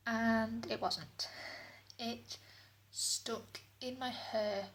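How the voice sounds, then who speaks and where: A British woman reviews a product casually for her beauty vlog, speaking very slowly in a slightly high, a bit bright voice with fairly even intonation. She's indoors in an echoey bathroom, giving her an echoey sound against clear background noise.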